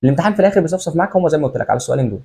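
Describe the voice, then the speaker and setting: Young man, Egyptian Arabic accent, very fast talker, repeats steps, casual tutor talk. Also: a little high, expressive, creaky, mellow. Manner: rapid, repetitive, walks through steps aloud. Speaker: exam tips tutor. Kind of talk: casual explainer to students.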